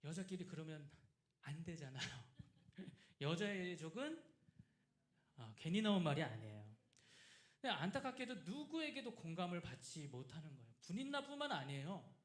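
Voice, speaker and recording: Lively high-voiced pastor in a roomy church. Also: male voice, normal speed. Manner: acts out quoted people in lively asides, asks the congregation questions. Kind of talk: sermon. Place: church sanctuary.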